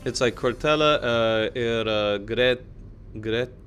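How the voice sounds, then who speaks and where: A man's voice: medium pitch, slow pace, a bit bright, faint music behind. Man telling rambling casual stories. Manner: rambling, storytelling with many fillers and restarts. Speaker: podcast co-host. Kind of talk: casual chat.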